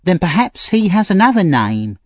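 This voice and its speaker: With big pitch swings at normal speed and no room sound, a man performs a storybook's frightened young woman thief, tearful and pleading. The audiobook character comes across as urgent and high-strung.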